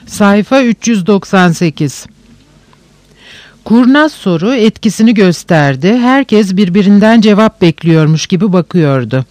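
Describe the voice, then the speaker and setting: A man narrating a novel aloud for an audiobook, in a steady, measured reading manner. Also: sits high, no echo. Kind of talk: scripted narration.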